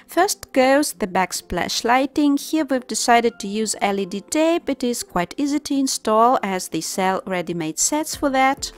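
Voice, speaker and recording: A woman's voice: on the high side, expressive, measured pace, few pauses, faint music behind. Woman narrating a home DIY vlog. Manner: plain, practical step-by-step explaining. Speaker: DIY channel host. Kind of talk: voice-over narration of a home renovation.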